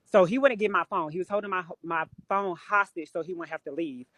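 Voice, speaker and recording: Speaking a little fast in a low, fairly bright voice, a woman tells blunt stories full of swearing. It's casual chat on a live stream, picked up by a phone or webcam.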